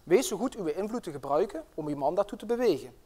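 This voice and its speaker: An earnest young country doctor from the 1890s pleads in old-fashioned, polite phrasing, voiced by a man reading the tale aloud. His voice sits fairly high and sounds like storybook narration. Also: animated, fast, mellow.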